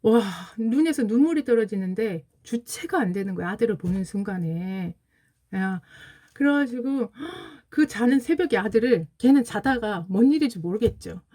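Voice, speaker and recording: A woman's voice: fairly high pitch, lively intonation, moderate pace, warm tone. A woman in her forties hosting a casual livestream, telling an emotional personal story in an earnest way and greeting viewers as they join. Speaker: livestream host.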